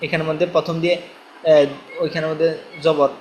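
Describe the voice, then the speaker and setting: A man teaching Quran reading, spelling syllables slowly and patiently for learners to repeat. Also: a little high, little pitch movement, darkish tone, slight background noise, low-quality recording. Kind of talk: spelling drill lesson.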